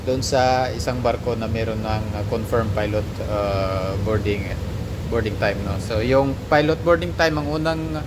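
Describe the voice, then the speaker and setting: A man's voice: mid-range voice, normal speed, very noisy. A man with a Filipino accent giving a casual, informal vlog-style explanation with frequent check-in tags. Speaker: ship's officer vlogger, instructor.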